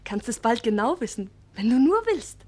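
A woman's voice: on the high side, big pitch swings, normal speed, darkish tone, slightly rough. An actress playing a young girl confidante in a radio play, teasing, confidential and persuasive. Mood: confiding, persuasive.

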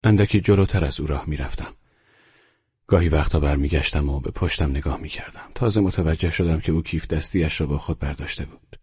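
A man with a husky voice reading a novel aloud in calm, measured scripted narration. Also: rumbling low. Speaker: audiobook narrator. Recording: dull lo-fi audiobook recording.

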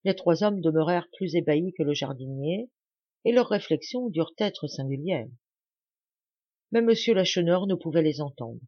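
A woman reading a classic novel aloud in an expressive, dramatic narration, recorded dull and muffled. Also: fairly low pitch, breathy edge, dry recording. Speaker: audiobook reader. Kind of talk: scripted literary narration.

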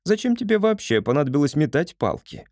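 A man voicing an excitable young female squirrel who tattles, in a shrill, indignant voice for an audiobook. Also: brisk, no room sound, clean studio sound. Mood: eager. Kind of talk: audiobook character voice.

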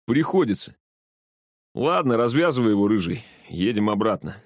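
A man voicing a gruff, bossy burly young man who gives curt commands. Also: lowish voice, sing-song, moderate pace, dry recording, clean studio sound.

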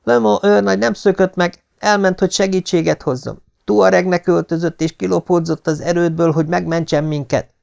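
A man's voice: high-pitched, fairly even intonation, vocal fry, hardly any pauses, darkish tone, voice pushed up. A man reading an audiobook voices an indignant young woman, speaking in a raised, breathless way. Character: proud, indignant young woman, commander's daughter.

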